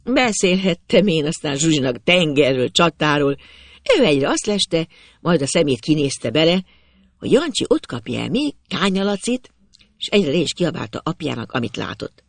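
Lively gravelly storybook narrator. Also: medium pitch, no echo. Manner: expressive first-person storytelling.

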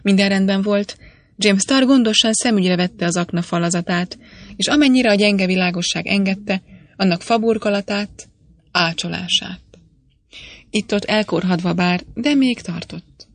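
A woman reads a novel aloud in a steady, measured way, at her natural middle pitch. The sound is dry and close, with no room around the voice. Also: no echo. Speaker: audiobook narrator. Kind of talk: scripted narration.

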